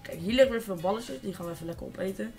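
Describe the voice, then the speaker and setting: A teenage boy from the Netherlands giving casual, excitable let's-play commentary, swearing and shouting at opponents. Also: high voice, very fast, faint music behind. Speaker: gaming YouTuber.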